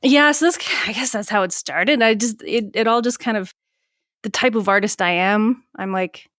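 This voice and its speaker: A woman musician chatting as a podcast guest, rambling and animated, acting out her own past remarks. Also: medium pitch, moderate pace, no room sound, studio quality. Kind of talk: casual interview chat.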